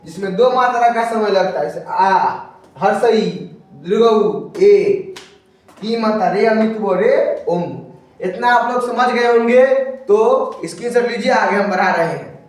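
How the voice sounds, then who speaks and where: A man's voice: sits high, measured pace, far from the mic. A young man teaching grammar in a casual, chatty lesson, repeating questions to his students. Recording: echoey room, voice from off-mic.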